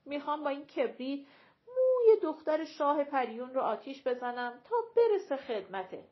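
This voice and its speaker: A woman voicing a quarrelsome, mocking male clown of folk comic theater in an audiobook, talking loud and sing-song. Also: sits high, very animated, muffled recording, voice pushed up.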